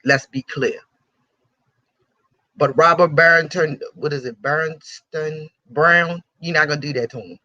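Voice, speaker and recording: A man's voice: on the high side, unhurried, sharp tone, no echo. A man hosting a radio show, giving blunt, profane and heated celebrity commentary and repeating his points for emphasis. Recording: dull lo-fi recording.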